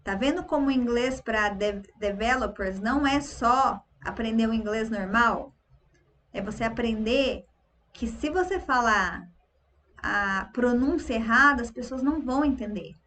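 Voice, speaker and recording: High-voiced Brazilian woman teaching English. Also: a bit bright, slight background noise. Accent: Brazilian Portuguese. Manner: drills pronunciation, repeating words slowly. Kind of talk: online language lesson.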